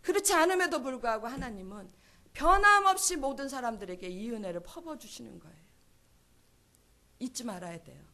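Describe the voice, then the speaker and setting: High-voiced woman preaching a sermon. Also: lively intonation, a little fast, pushed and bright. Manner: emphatic, asks many rhetorical questions. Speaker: pastor's wife preaching. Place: church service.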